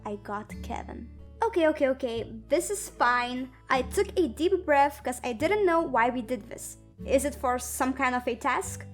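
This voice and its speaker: In a comedic animated storytime, the narrator and animator is a young woman from Lithuania whose native tongue is Lithuanian. Her high voice carries a sarcastic, dramatic, self-deprecating tone, with gentle music in the background.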